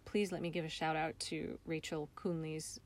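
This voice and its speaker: This interview guest, a playwright and director, describes things with enthusiasm in a casual, expressive way. Her voice sits low with a level tone and normal speed, captured on a computer call that she also recorded on her phone.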